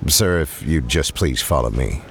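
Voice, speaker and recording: A man's voice: very deep voice, lively intonation, a little slow, a little hiss or hum, voice pushed down, full character voice. A man voicing a stern, experienced older police officer who speaks firmly.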